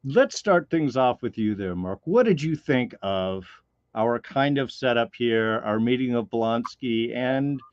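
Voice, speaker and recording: A man's voice: mid-range voice, lively intonation, measured pace, no echo, highs cut off. A man hosting a casual review podcast, rambling and hedging with lots of fillers. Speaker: podcast host.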